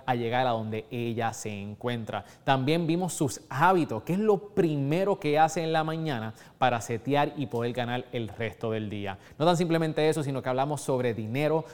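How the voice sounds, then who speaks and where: A man's voice: a little high, darkish tone, in a large hall. A man hosting a podcast, with an upbeat, salesy delivery. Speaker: podcast host. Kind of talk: podcast intro and interview.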